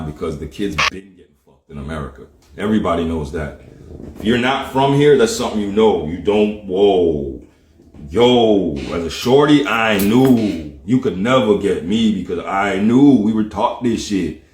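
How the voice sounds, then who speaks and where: A Jamaican man with a lowish voice rants on a livestream in a heated, profane monologue, firing off one rhetorical question after another. There's a roomy echo and a little background noise.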